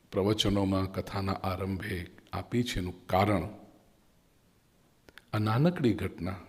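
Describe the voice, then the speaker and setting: A man's voice: lowish voice, a little mellow, breathy edge. A man giving a spiritual discourse who mixes storytelling with emphatic, questioning appeals to his listeners. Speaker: spiritual speaker. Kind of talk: sermon with storytelling. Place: large hall at a spiritual mission. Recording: long reverb of a large hall.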